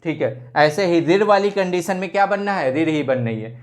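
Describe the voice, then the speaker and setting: A man's voice: sits high, expressive, normal speed. A man teaching a grammar lesson at a whiteboard, asking himself questions and then answering them, and stretching out vowels in the example words.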